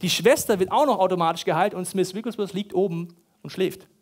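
A pastor delivers a sermon, his voice sitting noticeably high for a man. He tells stories dramatically and hammers points home by repeating phrases. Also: brisk.

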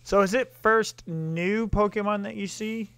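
A young man co-hosting a game stream, relaxed and rambling, laughing easily. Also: sits high, a little slow, clean tone, no room sound. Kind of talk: casual gameplay commentary.

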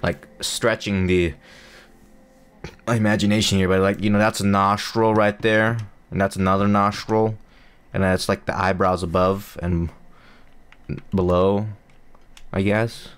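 A young non-native English speaker, a gaming YouTuber, rambles loosely over his gameplay, mocking himself and filling his talk with fillers and restarts. His voice is low and clear with a resonant tone, barely moving in pitch. He speaks at a measured pace with long pauses.

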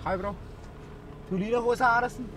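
A man's voice: very high voice, steady tone, fairly bright tone. A young man hosting a vlog from inside a car, joking and teasing in brash, slang-heavy casual talk. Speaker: vlogger host. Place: inside a car at a drive-through attraction. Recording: noisy in-car recording.

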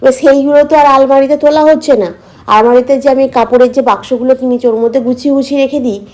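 A woman's voice: sits high, steady tone, rapid-fire, darkish tone. A woman chatting casually to her viewers as a vlogger, explaining her daily routine, with a slight cold in her throat.

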